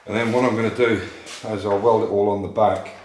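Working on a classic car in a big indoor workshop, a man in his sixties narrates metal fabrication steps, thinking out loud and dropping in plain fillers. His fairly low voice is flat and brisk. The echoey space leaves a noisy background behind this how-to talk.

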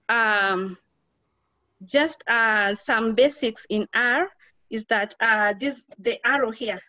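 A woman with a Kenyan accent explains software step by step as an instructor, informally and a little hesitantly. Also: medium pitch, no echo, rough recording.

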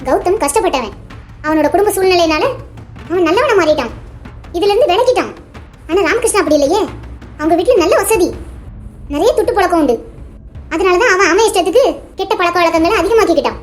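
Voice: extremely high pitch, lively intonation, a little fast, long pauses, faint music behind. A performer voicing a friend in a cartoon who lectures and presses for answers. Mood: lecturing. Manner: lecturing, insistent. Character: young friend Sakthi, preachy advice-giver. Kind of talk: cartoon voice acting.

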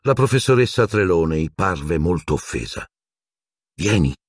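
Deep husky male audiobook narrator. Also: normal speed, dry recording, clean studio sound. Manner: expressive storytelling, lively intonation.

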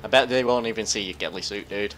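A man's voice: on the low side, fast, a bit bright, faint music behind. A man chatting over in-game voice while playing a shooter, joking, trash-talking and breaking into silly singing. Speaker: gamer doing in-game voice chat. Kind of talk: casual game chat.

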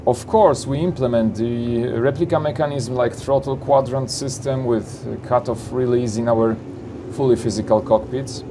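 With a steady, mid-range voice, a man narrates a product showcase of flight simulator cockpits at normal speed and with few pauses. The background is noisy with music, and his salesy, upbeat talk frequently includes "you know" and "of course."

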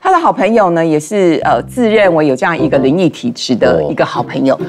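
A woman on a talk show telling a case story in lively detail, acting out the people she quotes. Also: deep voice, fast. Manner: animated, acts out quoted dialogue. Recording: studio with background music.

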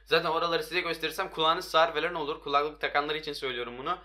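A young man giving excitable, hoarse-voiced commentary on his own mobile football game, talking to his viewers and shouting at his players. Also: fairly high pitch, rapid-fire. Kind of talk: live gameplay commentary.

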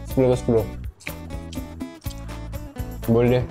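A man's voice: mid-range voice, monotone, takes it slowly, music in the background. A young man with a Malaysian accent, chatting casually while chewing through a food review. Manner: chatty, candid, mixes in English words.

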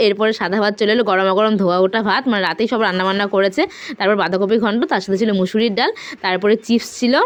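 A young woman talks quickly in a casual vlog voice-over. Her voice is smooth and clear and sits a little high. She narrates in a chatty way, full of fillers. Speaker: vlogger.

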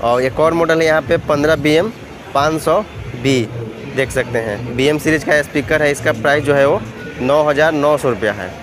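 A man vlogging through an expo hall, listing models and prices in a steady, repetitive way. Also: a little high, moderate pace, a crowd in the background. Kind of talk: walkthrough vlog listing prices. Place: busy indoor trade expo hall. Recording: noisy expo hall phone recording.

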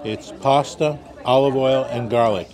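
Male food vlogger, mid-pitched voice, easygoing and explanatory, busy crowd chatter and traffic behind. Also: unhurried. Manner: easygoing, explains dishes step by step. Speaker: food vlog host. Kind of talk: casual food review commentary. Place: outdoors on a busy city street. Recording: busy crowd noise outdoors. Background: crowd chatter and passing traffic.

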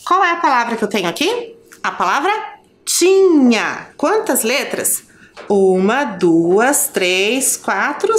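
Brazilian woman teacher, lively sing-song voice. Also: fairly high pitch. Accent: Brazilian Portuguese. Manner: slow, sing-song counting and spelling for young pupils. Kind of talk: children's lesson on a school TV channel.

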